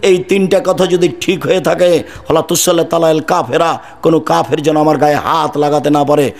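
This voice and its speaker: A middle-aged male Islamic preacher from Bangladesh delivering a fiery sermon, forceful and declamatory, swinging from loud high preaching to low quiet asides. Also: steady tone, a little fast, vocal fry. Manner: says he speaks harshly on purpose.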